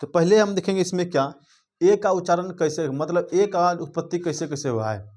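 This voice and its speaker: A man teaching a grammar class in a voice a little higher than most men. He talks the class through each rule, asks questions and keeps checking that they follow. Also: normal speed, a little mellow. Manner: drills with repeated check-ins, asking the class questions. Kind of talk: grammar lesson.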